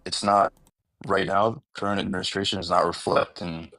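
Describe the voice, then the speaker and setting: A man speaking casually in an online audio room, halting and restarting, while his call connection breaks up. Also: low voice, little pitch movement, pushed and bright, no room sound, low-quality recording. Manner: halting, full of restarts and fillers. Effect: call breaking up on a bad connection. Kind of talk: casual debate. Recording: patchy internet call audio.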